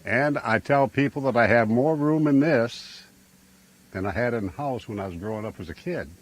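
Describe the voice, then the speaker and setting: A man's voice: medium pitch, normal speed. An older man talking in an easygoing, rambling, folksy way about living full time on the road, speaking from inside his travel trailer. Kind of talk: casual conversational storytelling. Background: loud guitar music.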